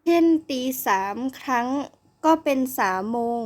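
A proud schoolboy from a storybook, speaking slowly and deliberately as if he were a grown-up scholar, voiced by a woman. The voice sits high. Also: expressive, darkish tone. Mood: lecturing. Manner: slow, measured, grown-up delivery. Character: proud schoolboy lecturing his classmates.

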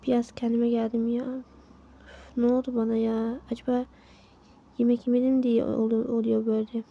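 A woman's voice: on the high side, little pitch movement, moderate pace, dull audio. A woman voicing a young wife who feels sick and learns she is pregnant, in a toy-game story role-play. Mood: queasy, dazed. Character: young wife, queasy, then overjoyed at pregnancy.

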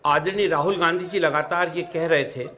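A man speaking as a senior party spokesperson, giving deliberate commentary that often restarts its phrases. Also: fairly high pitch, fairly even intonation, sharp tone. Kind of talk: measured political commentary.

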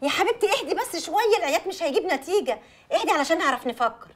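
A woman's voice: very high voice, lively intonation, very fast. An actress playing a young woman's loyal, level-headed best friend, speaking with an Egyptian Arabic accent in a teasing, soothing, placating way. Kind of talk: film drama acting. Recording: faint film score behind.

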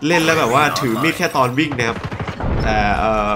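A young man giving lively commentary while he plays a shooter game, breaking into excited exclamations. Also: medium pitch, brisk, very noisy. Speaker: gaming YouTuber. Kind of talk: live gameplay commentary. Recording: game music and gunfire behind.

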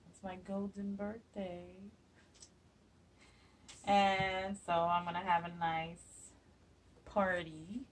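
Filmed on a phone camera a few feet off, this craft channel host talks through a casual DIY tutorial in her home kitchen. She's in her forties, chatty and upbeat with lots of fillers, yet her lowish voice shows little pitch movement, goes slowly, and leaves long pauses. The mic sounds distant.

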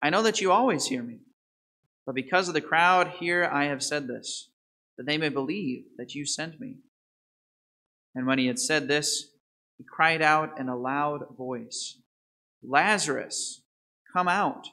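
In a large church, a priest in his thirties reads the gospel and then preaches a homily, putting questions to the congregation and quizzing the children. His voice is fairly high and sharp, with a measured pace and frequent pauses. He's picked up by a microphone at the altar and filmed by a distant camera.

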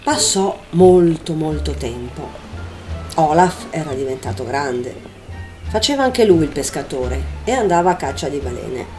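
A woman narrating a fairy tale in a calm, measured storytelling manner, with loud music behind. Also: low voice.

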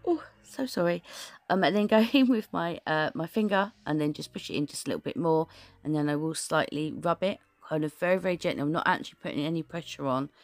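A woman's voice: low-pitched, creaky, no room sound. A woman giving a chatty, rambling voice-over for a nail art tutorial, full of fillers and restarts.

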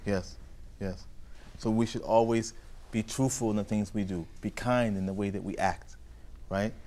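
An American man with a fairly low voice teaches a group of children through a story. He asks questions again and again and draws answers from them in a call-and-response style. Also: steady tone, normal speed, warm tone.

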